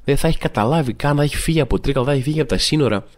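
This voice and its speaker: A man hosting a podcast, telling comic everyday stories and mimicking people in a raised voice. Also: medium pitch. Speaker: podcast host. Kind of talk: comedic monologue.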